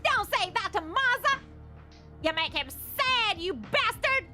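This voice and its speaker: A man voicing an angry game character who shouts insults. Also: very high-pitched, lively intonation, measured pace, loud music behind the voice, voice pushed up.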